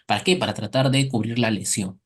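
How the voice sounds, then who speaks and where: A man's voice: lowish voice, brisk, husky. A man giving a recorded medical class, often asking the students a question and answering it himself, with playful everyday comparisons. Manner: asks and answers his own questions, playful analogies. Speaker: medical lecturer.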